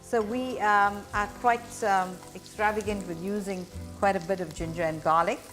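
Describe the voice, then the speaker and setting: A woman presenting a cooking demonstration, explaining each step instructively with frequent pauses. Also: mid-range voice, fairly even intonation, a bit bright, soft background music.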